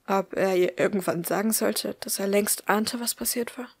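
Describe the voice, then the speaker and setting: A woman reading a story aloud as an audiobook in a calm, even manner. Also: mid-range voice, moderate pace, gravelly, no echo. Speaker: audiobook reader. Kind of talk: scripted narration of fan fiction.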